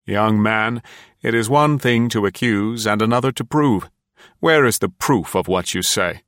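A man reading aloud, voicing a shrewd older male detective who speaks with calm authority. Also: on the low side, measured pace, no echo, pitched above the performer's own voice. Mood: authoritative. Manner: dry, commanding, slightly amused.

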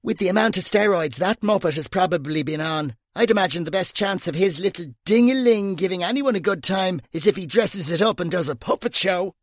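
A bawdy, brash woman detective, as a male narrator puts her on for an audiobook. Her voice sits high and swoops about with lively, sing-song inflection. The sound is close and dry. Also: a little fast, few pauses, no echo. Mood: gleeful. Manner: brash, crude storyteller.

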